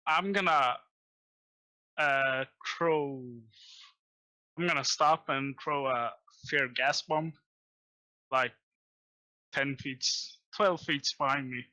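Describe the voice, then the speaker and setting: A male player in a tabletop game casually explains his character's moves. His voice is very bright and tense, sitting in a middle pitch. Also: steady tone, takes it slowly, long pauses, rough recording.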